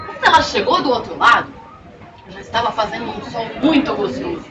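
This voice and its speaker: Woman storyteller, animated children's reading, high lively voice; distant mic, roomy space, crowd and noise. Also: a little fast. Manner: animated, expressive. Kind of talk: dramatized children's story narration. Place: bookstore, indoors, live audience.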